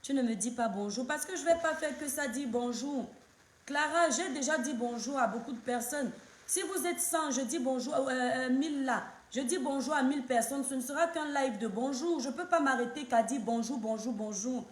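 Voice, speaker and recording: A woman with a fairly high voice hosts a casual live stream, hoarse from a cold. She greets her viewers by name again and again in a warm, repetitive patter. The room around her rings with echo. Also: moderate pace. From Cameroon.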